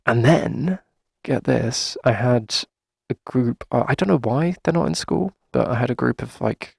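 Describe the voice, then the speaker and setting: Using an exaggerated mid-range voice that's animated yet a little slow, a man roleplays a flustered, friendly café owner chatting with a favorite customer for ASMR. He sounds weary and exasperated, creaky and gravelly, hesitant and sighing, in a dry studio-quality recording.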